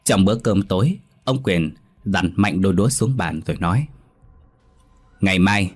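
A man narrating a ghost story in a steady, measured way. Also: low voice, husky.

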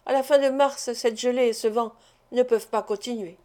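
A woman's voice: on the high side, steady tone, fairly quick, mellow, close to an everyday voice. Furious proud man, harsh outbursts, read by a woman narrator. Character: angry proud man, a lawyer.

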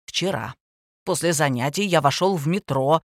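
A man's voice: on the high side, normal speed, no echo, voice pushed down, natural voice. Reader doing a pompous male teacher, ranting, indignant, close dry sound. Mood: aggrieved.

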